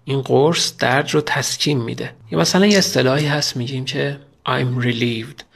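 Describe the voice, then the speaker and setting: A man teaching English vocabulary, explaining in short steps and slowing down to read example sentences. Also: mid-range voice, creaky, a bit bright, husky. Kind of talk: vocabulary lesson.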